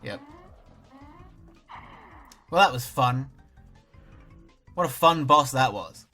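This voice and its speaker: A man's voice: medium pitch, expressive, slow pace, pushed and bright, faint music behind. A young Australian man giving casual let's-play commentary, with dry, self-mocking jokes. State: talking with a mouth full of banana at times. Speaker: gaming YouTuber.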